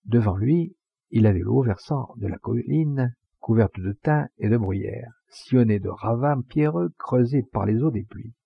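Male audiobook narrator, low, gravelly and husky, measured pacing, dry dull lo-fi recording. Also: expressive, dry recording. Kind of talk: scripted literary narration.

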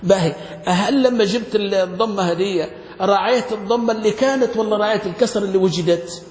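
A man's voice: sits high, fast, a little mellow. A man, teaching a grammar lesson as a sheikh and constantly quizzing his students. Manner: quizzing students with frequent questions. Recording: echoey hall.

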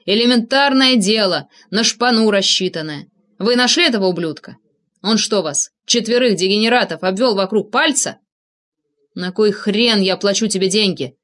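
A woman's voice: medium pitch, moderate pace, fairly bright tone, natural voice. A woman reading an audiobook, voicing a cruel male crime boss who shrieks and rants in abusive outbursts. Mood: raging.

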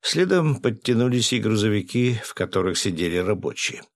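A man narrates an audiobook in a low, steady voice. The recording is close and dry, with no room sound. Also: moderate pace, dry recording. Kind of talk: scripted narration.

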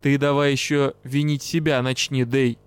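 A man voicing a brash male dark elf partner in an audiobook, gruff, teasing and bluntly scolding. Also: fairly high pitch, animated, unhurried, no room sound. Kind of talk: audiobook character voice.

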